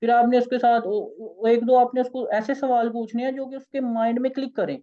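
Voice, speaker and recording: A hoarse, tired man with a Pakistani accent, leading an online sales training session in an informal, coaxing way. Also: very high voice, flat delivery, a little fast, lo-fi sound. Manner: informal, coaxing, keeps saying "okay". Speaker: sales trainer and company founder.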